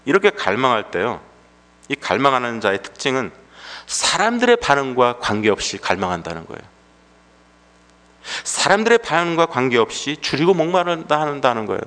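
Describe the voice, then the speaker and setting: Man, pastor, preaching, emphatic then hushed, very animated pitch, echoing sanctuary reverb. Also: fairly quick. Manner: preaching with rhetorical questions and repetition; swings between raised emphatic lines and hushed drops. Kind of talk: sermon. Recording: long reverb of a large hall.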